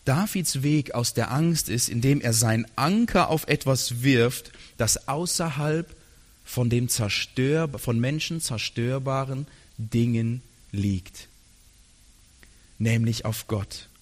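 A man preaching a sermon earnestly, dropping to a hushed tender voice for God's words. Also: mid-range voice, slow pace.

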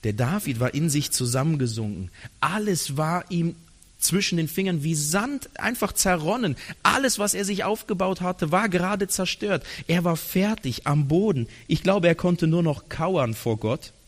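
A man preaching a sermon earnestly, dropping to a hushed tender voice for God's words. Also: fairly high pitch, expressive, normal speed.

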